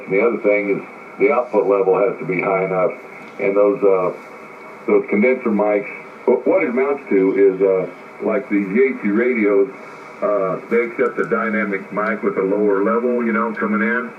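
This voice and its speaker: A fairly low-pitched man talks shop over the airwaves, his voice coming through a mistuned ham radio receiver. It sounds thin and tinny, distant from the mic, with a faint hiss of static underneath. He rambles easily, full of fillers, in a casual, technical way. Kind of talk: casual on-air radio chat. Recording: tinny radio line from far off with light static.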